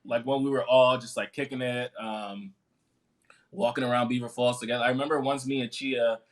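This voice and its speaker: A young man from Africa chats casually as a podcast co-host. He sounds laid-back and laughs often. His voice sits at a mid pitch. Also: fairly even intonation, a little fast. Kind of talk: casual chat.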